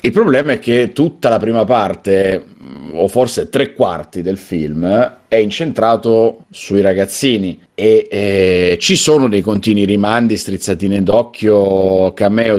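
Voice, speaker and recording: Low-pitched man talking films. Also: darkish tone. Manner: coarse, colloquial, swearing. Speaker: podcast co-host. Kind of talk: casual film discussion among friends.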